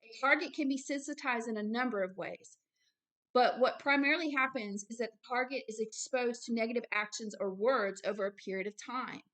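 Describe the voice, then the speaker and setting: A religious host with a fairly high, sharp, forceful voice moves informally between reading aloud and personal commentary. She speaks fairly quickly, earnestly and insistently, repeating key phrases for emphasis, on a low-quality recording.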